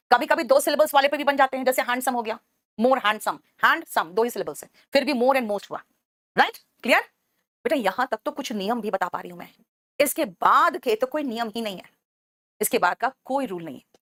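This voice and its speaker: A woman teaching English grammar to an online class, with a fairly high voice. She explains patiently, addresses students by name and as "beta", and keeps asking "right?" to check they follow. The sound is close and very dry, with no room echo. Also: fairly bright tone.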